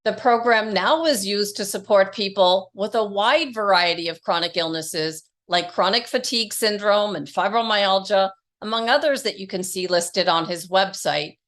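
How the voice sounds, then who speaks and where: A woman podcast host, born in England, reading a scripted introduction and then interviewing a guest in a measured, enthusiastic manner. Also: mid-range voice, fairly bright tone.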